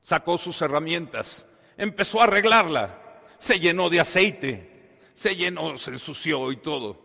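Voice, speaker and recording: A man preaching a sermon. He tells a story with dramatic swings from soft to loud and asks the listeners questions. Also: fairly high pitch, animated, measured pace, creaky. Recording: long hall reverb.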